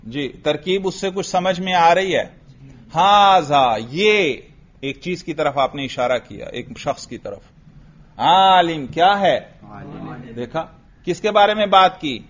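A man teaching Arabic grammar in a lecture, quizzing students with quick questions and having them repeat answers. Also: a little high, expressive, fairly bright tone. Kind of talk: classroom lecture with drilling questions. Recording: dull lo-fi lecture recording.

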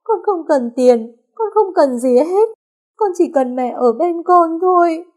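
A grief-stricken young woman wailing and pleading through sobs, her voice pushed very high and stretched out, as a woman narrator puts her on. Heard in a dramatic audio story. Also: lively intonation, a little slow, darkish tone. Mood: sobbing. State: crying. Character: grieving young woman, sobbing for her mother.

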